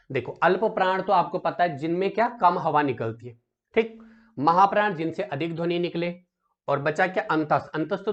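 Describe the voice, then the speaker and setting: Higher-voiced male teacher, quizzing students. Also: fairly bright tone. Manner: asks rhetorical questions and answers them himself; keeps checking in with "theek hai" and calls students "beta". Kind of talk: exam solution lesson.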